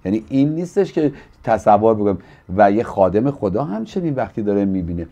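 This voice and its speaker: A man from Iran speaks as a pastor on a studio talk show, explaining church life in an earnest, preacherly manner. His voice sits on the low side and sounds warm and mellow rather than bright. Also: sing-song, muffled recording. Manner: earnest and preacherly, acting out quoted people with a livelier voice.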